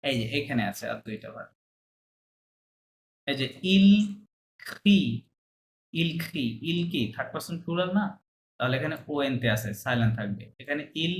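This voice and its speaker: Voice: mid-range voice, background noise. An online French teacher explaining verb endings patiently, checking understanding often and mixing English and French terms into the lesson.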